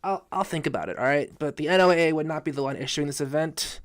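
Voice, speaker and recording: A man, plainly drunk, talks through a live reaction stream in a voice pitched a little above the usual, rambling and swearing as he goes. He stumbles and restarts his words often. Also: quick pace. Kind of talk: casual live reaction commentary. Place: his own room.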